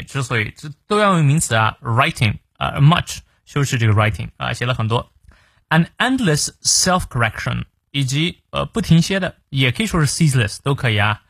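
A man hosting a daily morning English lesson, explaining a quote word by word with many fillers and reading the English lines slowly and carefully. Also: mid-range voice, dry recording, studio quality. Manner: lively teaching voice, many fillers, reads English slowly and clearly.

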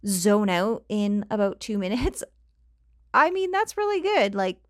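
She hosts a casual solo podcast with a Canadian accent, using a cheap home mic, chatting, rambling off on tangents and laughing often. Medium in pitch with big pitch swings, she talks a little slowly, and the recording is dry and studio quality.

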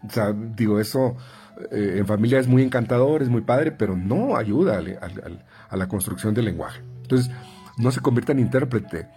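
A man's voice: lively intonation, normal speed, mellow, faint music behind. A man with a Mexican Spanish accent, a speech therapist giving parents conversational advice in numbered tips, with many fillers and restarts. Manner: conversational, frequent fillers and repeats; acts out quoted parents and children in higher voices.

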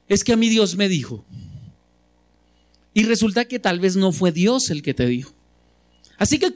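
A man preaching a sermon in a conversational way, often checking in with his listeners with quick questions. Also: sits high. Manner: conversational, asks the audience frequent questions.

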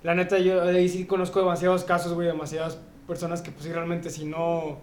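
A young man with a Mexican accent, rambling in quick slangy bursts. His voice sits high and his speech runs very fast. The room around him is noticeably echoey. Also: completely flat delivery. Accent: Mexican Spanish. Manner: slangy, rambling, peppered with güey. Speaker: podcast co-host. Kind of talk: casual chat.

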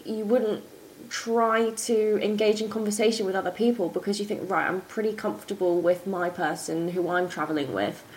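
A young woman presents a podcast in the manner of an upbeat morning show host. Her voice sits at a middle pitch. She explains things informally and conversationally. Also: darkish tone, rough recording. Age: young adult.

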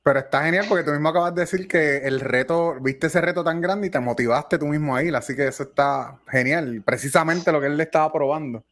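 A male interviewer who mostly answers with short words of encouragement. His voice sits fairly high for a man, and his longer remarks are supportive of the guest. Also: fast, few pauses, fairly bright tone. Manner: brief encouraging replies. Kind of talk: casual interview.

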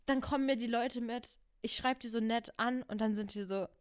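A woman's voice: a little high, steady tone, normal speed, clear, resonant tone. A young woman in her twenties co-hosting a podcast, chatting casually and laughing often, with lots of youth slang. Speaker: podcast co-host. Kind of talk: casual chat.

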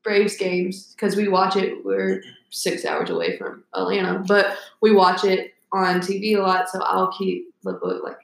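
A woman in her early twenties tells her story in a loose, talkative way, leaning on fillers as she goes. Her voice has a creaky, gravelly edge, and the room rings with echo. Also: medium pitch, expressive, unhurried, few pauses. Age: 20s. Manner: chatty, rambling with fillers. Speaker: guest. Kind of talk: casual podcast chat.

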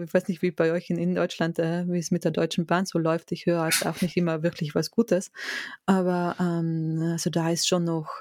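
South Tyrolean woman, hesitant and lowish. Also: a little mellow, dry recording, clean studio sound. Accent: South Tyrolean German. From South Tyrol, Italy. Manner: hesitant, many fillers and restarts. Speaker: guest, head of a bike hotel association. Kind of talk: casual interview talk.

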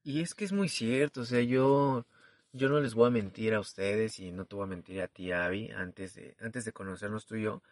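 Animated young man from Mexico City. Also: lowish voice, normal speed, dry recording. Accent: Mexico City Spanish. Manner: animated, acts out quoted dialogue with slang. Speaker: podcast co-host. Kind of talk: casual chat.

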